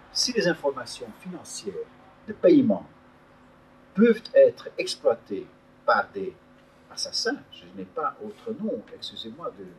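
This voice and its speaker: A man's voice: fairly high pitch, darkish tone, slight background noise. An older man from Hungary giving a public talk at an evening debate around a table, hesitant and full of fillers and restarts. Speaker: invited speaker. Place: meeting room around a table, above a restaurant. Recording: distant mic in a meeting room.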